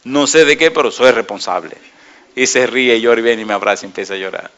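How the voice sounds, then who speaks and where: A male pastor preaching a sermon, telling stories and asking the congregation lively questions. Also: medium pitch, quick pace, lo-fi sound. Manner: lively storytelling with questions to the audience.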